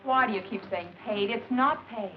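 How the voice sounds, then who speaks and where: An actress playing a proud, hurt young fiancée in a 1950s film, talking emotionally and at times shouting. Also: female voice, fairly high pitch, moderate pace, close to an everyday voice. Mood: pleading. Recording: dull old film soundtrack with music.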